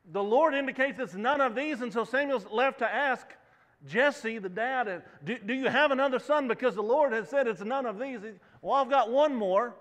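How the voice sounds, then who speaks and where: A man's voice: very high-pitched, fairly bright tone. A man in his thirties preaching a sermon, walking the stage and asking the congregation questions. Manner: walks the stage, gestures, asks the congregation questions. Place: church sanctuary. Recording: long reverb of a church hall.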